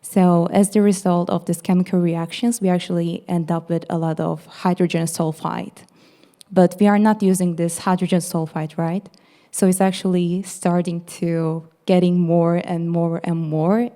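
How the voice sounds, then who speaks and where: A woman's voice: fairly low pitch, flat delivery, moderate pace, warm tone. A woman in her twenties with a Turkish accent, presenting her student project to an audience in an earnest, explaining way. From Turkey. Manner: earnest, explanatory, many "actually". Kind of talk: casual presentation.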